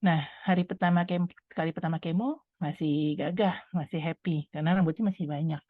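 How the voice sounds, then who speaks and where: A woman's voice: low voice, fairly even intonation, fairly quick, no echo. A middle-aged woman giving a chatty, conversational personal testimony, talking to her listeners like friends. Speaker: speaker sharing a testimony. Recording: tinny phone-like line, dry sound.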